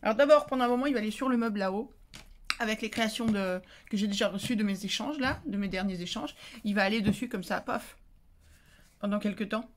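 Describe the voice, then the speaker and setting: A woman's voice: medium pitch, quick pace, slight background noise. A woman hosting a casual unboxing vlog for her crafting channel. She gushes, repeats herself and talks to her viewers while she opens a parcel. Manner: gushing, excitable, repeats herself.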